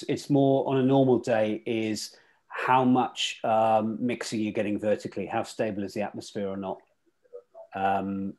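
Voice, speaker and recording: A middle-aged man with a fairly low, darkish voice hosts a casual online club video call about weather and tides. He thinks aloud as he presents, with fillers and restarts.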